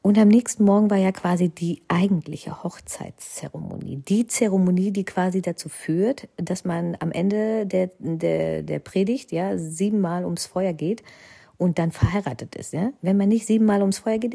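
A woman's voice: mid-range voice, moderate pace, vocal fry, dark tone, breathy edge. A woman telling the story of her own wedding in a casual, rambling way, tagging nearly every sentence with a questioning "ne". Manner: rambling, constant tag question "ne?".

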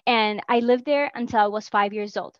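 A woman's voice: on the high side, moderate pace, no echo, dull audio. A Spanish-native woman from Peru, a guest in an interview, speaking earnestly and reflectively over a video call with many "like" fillers. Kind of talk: casual interview talk.

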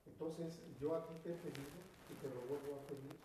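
A man supervising staff, calmly mediating a workplace dispute and often checking for agreement. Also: a little high, fairly quick. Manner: calm, conciliatory, repeats "¿sí?". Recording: echoey room, mic far off, faint noise.

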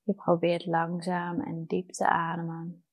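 A woman leads a guided meditation in a slightly low voice. Her delivery is very slow and soft, with long pauses between phrases. The manner is soothing and unhurried. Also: completely flat delivery.

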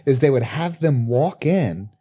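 Mellow, rambling man co-hosting. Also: mid-range voice, expressive. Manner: rambling, profane, halting restarts. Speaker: podcast co-host. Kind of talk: casual chat.

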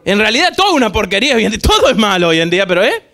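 A man preaching a sermon to a church congregation, lively and joking, acting out little dialogues. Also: sits high, racing. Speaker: pastor.

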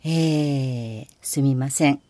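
A woman in her sixties speaking in Miyazaki dialect, hosting her own podcast in a folksy, chatty way with a few hushed asides and some admitted nerves. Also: rumbling low, takes it slowly, dry recording. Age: 60s. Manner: nervous, self-deprecating. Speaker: podcast host. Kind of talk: casual chat.

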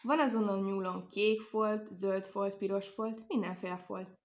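A woman's voice: medium pitch, steady tone, darkish tone, natural voice. A woman reading aloud and voicing a sly, well-mannered male rabbit with a polite, playful manner.

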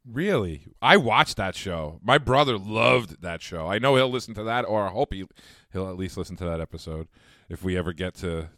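A man's voice: deep voice, lively intonation, normal speed, fairly bright tone, no echo, studio quality. A man co-hosting a podcast, chatting casually and laughing often. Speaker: podcast co-host. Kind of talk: casual chat.

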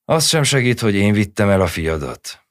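A man's voice: fairly low pitch, big pitch swings, no room sound, clean studio sound, voice pushed up. A man reading the part of a mocking, cruel hussar soldier in a taunting tone.

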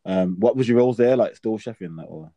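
A man with a London roadman accent talks very quickly in a mellow, fairly low voice. He chats casually like a host among friends, heavy on urban slang and laddish in manner. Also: dry recording. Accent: British urban slang accent, London roadman style. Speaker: podcast host interviewing a friend. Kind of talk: casual chat.

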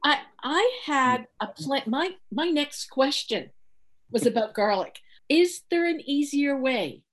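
A woman's voice: high voice, lively intonation, slow pace. A woman interviewing a guest in a chatty, casual way, with easy laughs and apologetic asides.

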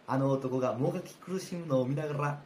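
A man's voice: medium pitch, a little fast, a little mellow, close to an everyday voice. A man voicing a sly, scheming male master of the house in rakugo storytelling, with a Kansai accent and a conspiratorial manner. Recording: roomy with faint ambience.

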